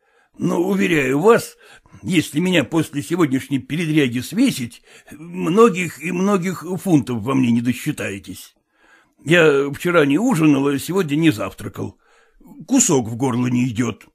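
An agitated middle-aged merchant father, as a male reader puts him on, rambling and pleading. The voice is husky and a touch gravelly, sitting fairly high and moving in wide, lively swings. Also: normal speed, heavily acted. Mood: flustered.

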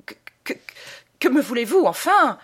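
A woman's voice: high voice, big pitch swings, moderate pace, fairly bright tone, husky, pitched above the performer's own voice, exaggerated voice. A woman reading aloud and voicing a shaken old priest who stammers. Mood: stammering.

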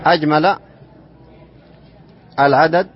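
A man teaching an Islamic inheritance lesson to students, reciting verse lines slowly and then explaining them and quizzing the class. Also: on the high side, steady tone, some chatter behind. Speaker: sheikh teaching inheritance law. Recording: dull lo-fi classroom recording.

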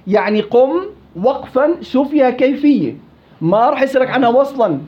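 Brief: fast-talking man, high voice, teaching a class, dull lo-fi sound. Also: lively intonation. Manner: quizzing students, repeating and drilling examples. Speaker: Quran recitation teacher. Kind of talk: classroom tajweed lesson.

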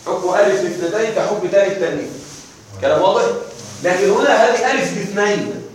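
A man's voice: high-pitched, fast. A man teaching a grammar lesson to a class, drilling verb forms aloud and often checking that his students follow. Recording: echoey room, distant mic, faint noise.

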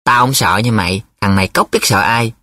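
A man's voice: on the low side, brisk, pushed and bright, no room sound. A man voicing a flustered, secretive young male student in love who talks in a hesitant, defensive way, in an audiobook.

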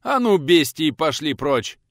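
A man voicing a fierce elderly retired teacher who shouts and scolds in rustic old speech. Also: mid-range voice, big pitch swings, unhurried, no echo, clean studio sound, pitched above the performer's own voice. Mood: furious shouting.

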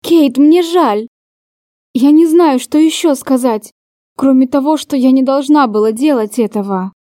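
A woman's voice: high-pitched, unhurried, mellow, no echo, clean studio sound. A woman voicing a hurt young woman who pleads in a trembling, raised voice. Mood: pleading.

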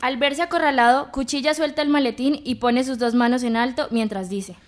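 A woman narrating an audio story in a measured, dramatic reading style. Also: high voice.

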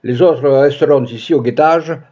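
A man's voice: on the high side, normal speed, voice pushed up, close to an everyday voice. A man doing a pompous police commissioner. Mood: commanding. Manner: pompous, loud, puffed-up. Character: pot-bellied male police commissioner, self-important. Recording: dull lo-fi recording.

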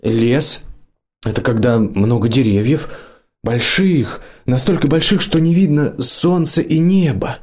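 A man voicing a young forest sorcerer who speaks earnestly and pleadingly, pitched up from his own voice. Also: a little slow, a little mellow, natural voice. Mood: explaining.

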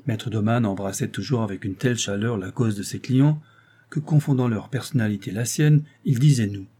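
A man narrating an audiobook in a measured, even reading. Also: on the low side. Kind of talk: scripted narration.

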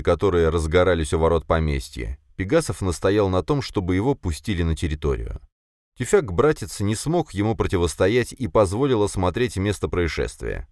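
A man narrating a fantasy audiobook in the first person, with expressive storytelling. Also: sits low, no echo, clean studio sound.

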